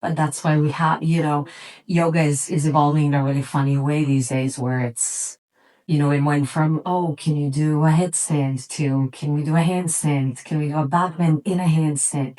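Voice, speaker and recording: A middle-aged woman from Serbia with a notably low voice talks through her answers as an interview guest. She is thoughtful and reflective, pausing and restarting often as she gathers her ideas. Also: fairly even intonation, a little mellow, rough recording. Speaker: yoga teacher and studio owner, guest. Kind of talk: relaxed conversational interview.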